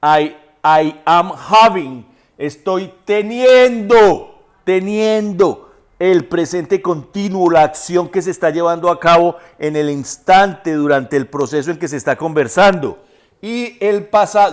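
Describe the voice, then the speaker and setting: Slow, high-voiced man teaching English. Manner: repeats and spells words aloud. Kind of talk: slow spoken language lesson.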